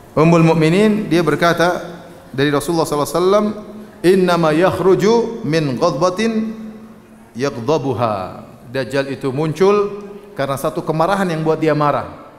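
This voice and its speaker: A male Islamic preacher with an Indonesian accent giving a religious lecture, slowly reciting Arabic hadith, then explaining them with rising emphasis and frequent checking fillers. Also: a little high. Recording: echoey hall with faint ambience.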